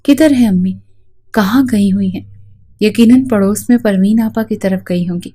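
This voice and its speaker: A woman's voice: mid-range voice, warm tone, lightly acted. A woman voicing a distraught young wife who has just been divorced, pleading through tears. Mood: anxious. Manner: pleading, tearful.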